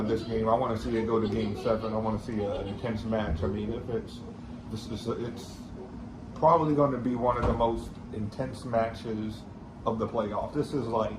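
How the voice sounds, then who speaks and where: A man's voice: lowish voice, steady tone, moderate pace. A man in a casual sports chat, giving loose, rambling, noncommittal commentary. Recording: roomy echo with clear background noise.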